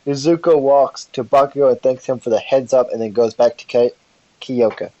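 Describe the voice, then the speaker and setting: A man's voice: mid-range voice, steady tone, moderate pace, warm tone, no room sound. Guy loosely telling a fan story on a call, dull dry lo-fi sound, lots of ums. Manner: rambling, loose, with fillers and asides. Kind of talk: casual fan-fiction storytelling.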